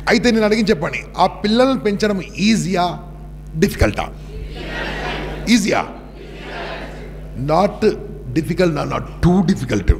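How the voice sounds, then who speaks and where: Brief: high-pitched male motivational speaker, commanding and rousing, long hall reverb. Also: expressive, a little slow, long pauses. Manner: commanding, rousing, mixing English into Telugu. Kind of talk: motivational seminar talk to students.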